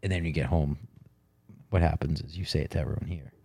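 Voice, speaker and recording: A very low-voiced man with a dark, mellow tone chats casually as a podcast co-host. He rambles and corrects himself in a playful way. The sound is close and dry. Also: fast talker, vocal fry, breathy edge, dry recording. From United States. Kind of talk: casual chat.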